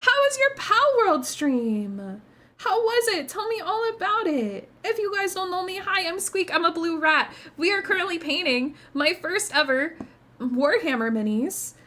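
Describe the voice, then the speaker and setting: A woman hosting a livestream chats casually with viewers like a cute, bubbly anime streamer, gushing and excitable, with casual swearing. Her voice is very high-pitched and her pace is measured.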